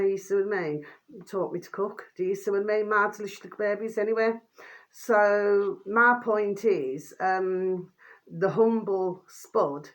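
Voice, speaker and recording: A British woman in her fifties talking casually and ramblingly to viewers, often using pet names and checking in with tag questions. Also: medium pitch. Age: 50s. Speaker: vlogger recommending videos.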